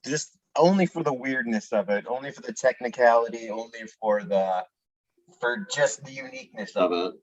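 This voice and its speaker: A man's voice: mid-range voice, normal speed, dry recording, muffled recording. A man co-hosting a podcast, chatting casually and laughing as he tells a story. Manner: chatty, laughs while telling stories. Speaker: podcast co-host.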